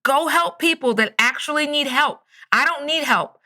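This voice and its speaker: A stubborn man stuck on a flooded roof, put on by a woman telling a story. His voice is high and bright. He refuses every offer with repeated, insistent lines. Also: animated, a little fast, dry recording, clean studio sound, heavily acted.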